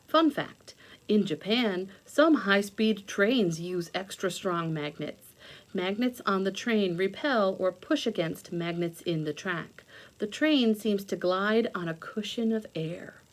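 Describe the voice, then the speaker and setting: Speaking slowly at a medium pitch, a woman teacher reads aloud to young children. She pauses to explain things patiently, using simple words, repeating herself, and asking questions along the way.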